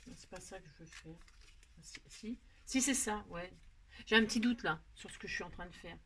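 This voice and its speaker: Chatty bright-voiced woman crafting. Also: mid-range voice, fairly quick, a little hiss or hum. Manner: chatty, joking about her own mistakes, muttering asides. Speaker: card-making tutorial host. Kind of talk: casual self-mocking craft tutorial.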